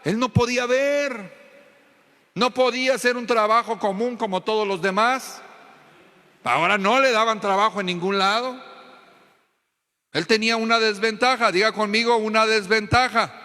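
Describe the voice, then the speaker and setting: A Mexican pastor delivers a fervent sermon, often turning to the congregation with questions. His voice sits high and sounds sharp and bright. The long echo of a church hall rings around it. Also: moderate pace, pauses often.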